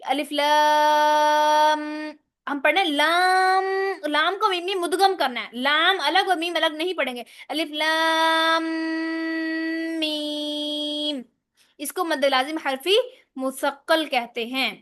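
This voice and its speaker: High-voiced woman teaching Quran recitation. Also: sharp tone. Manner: explains step by step, often asks "right?"; recites Arabic letters slowly and drawn out. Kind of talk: online tajweed lesson.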